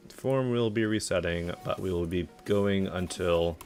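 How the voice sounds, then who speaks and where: A young man with a low, deep voice chats offhand as a streamer, judging game levels with dry sarcasm and lots of ums and likes. Faint game music plays behind him, and keyboard typing is picked up by his desk mic. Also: moderate pace. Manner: relaxed, offhand, with filler words and dry sarcasm. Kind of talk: casual live-stream commentary.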